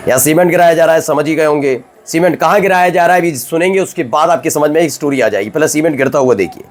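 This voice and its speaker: Emphatic male news anchor, slightly high. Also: fast talker. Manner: emphatic, rhetorical questions to viewers. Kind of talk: conversational news presenting.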